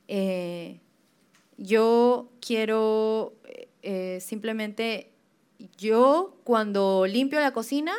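Young woman running a casual teacher workshop, middle pitch, lots of ums and restarts, perks up when quoting people. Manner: hesitant, full of fillers and restarts, lively when quoting others. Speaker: workshop presenter for church teachers. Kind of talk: informal teaching talk.

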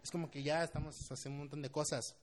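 A young pastor with a Mexican Spanish accent delivers a storytelling sermon full of funny stories, speaking very fast in a slightly high voice. He is animated and humorous, laughs often, and keeps dropping in English slang.

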